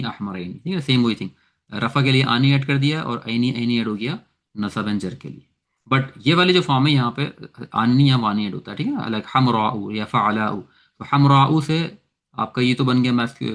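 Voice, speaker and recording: A man teaching an online Arabic grammar lesson in Urdu, speaking haltingly with many filler sounds and often switching into English terms. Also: medium pitch, fairly bright tone.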